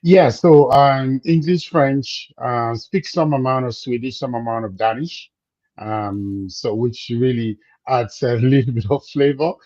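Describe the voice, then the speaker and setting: A man, a business coach speaking as a guest, measured and reflective, slowing down to stress his points. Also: medium pitch, darkish tone, dry recording, lo-fi sound. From Cameroon. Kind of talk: conversational interview.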